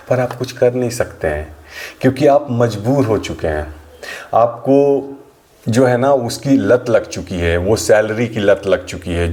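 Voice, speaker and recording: A man's voice: on the low side, a little mellow. A middle-aged man from India hosting a personal finance channel, explaining in a casual, conversational way and checking in with the listener by asking and answering his own questions. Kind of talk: casual explainer talk to camera.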